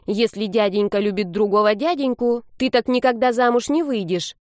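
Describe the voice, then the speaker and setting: A woman's voice: on the high side, normal speed, dry recording, clean studio sound, natural voice. A woman voicing a blunt little boy. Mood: earnest.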